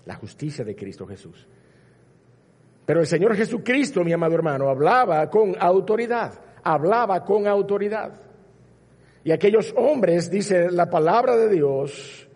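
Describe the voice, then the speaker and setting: Pastor with a husky, ringing voice. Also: male voice, high voice, darkish tone. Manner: preaching with repetition and rising emphasis. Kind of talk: sermon. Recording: long hall reverb.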